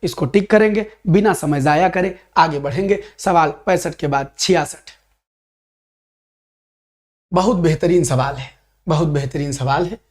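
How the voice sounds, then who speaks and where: Lively Hindi teacher man. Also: on the high side, a little slow, long pauses. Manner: lively, playful teacher, mock voices and reading viewer comments. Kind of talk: online exam-prep class.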